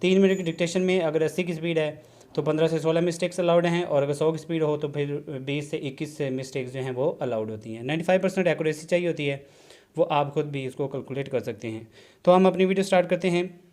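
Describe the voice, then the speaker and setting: A man gives a shorthand lesson on video. His voice sits a little high for a man. He explains patiently, checks in often with a short "okay", and drops English terms into his sentences. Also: quick pace, a little mellow. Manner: explanatory, repeats "theek hai ji", mixes English terms into Urdu. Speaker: shorthand instructor. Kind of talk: classroom-style video lesson.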